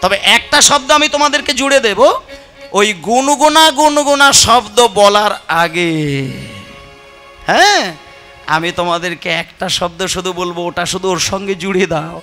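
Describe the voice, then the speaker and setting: A man's voice: high voice, moderate pace, bright, forceful tone, soft background music. A man with a Bengali accent telling a devotional story in kirtan style, acting out the characters and breaking into chanted song. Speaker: kirtan singer. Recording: with musical accompaniment.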